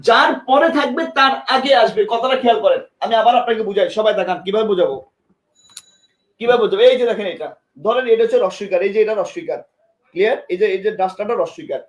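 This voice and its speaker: A man with a Bangladeshi Bengali accent teaches a live online exam-prep lesson in a high, light voice. He repeats each point and keeps firing questions at his students, pressing them to pay attention. The room around him rings with echo. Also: expressive, fast. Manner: repetitive, quizzes students with questions; emphatic, urges attention.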